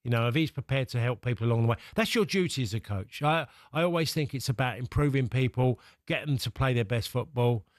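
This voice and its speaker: A man working as a pundit, talking reflectively and conversationally, thinking aloud in a halting way. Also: mid-range voice, dry recording, clean studio sound.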